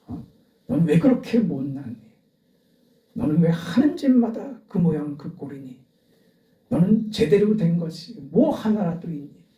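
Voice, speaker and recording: Give me a rich scene: a contemptuous man from the crowd who scolds with taunting questions, as a preacher puts him on. His voice is high and mellow. It rings through a distant, echoey church. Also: sing-song, unhurried, pauses often. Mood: scornful.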